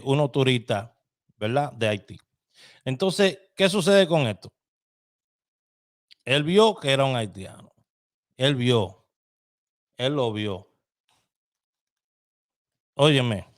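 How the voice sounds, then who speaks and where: A middle-aged Dominican man with a slightly high voice hosts a live opinion program. He speaks passionately and informally, directly to the people listening.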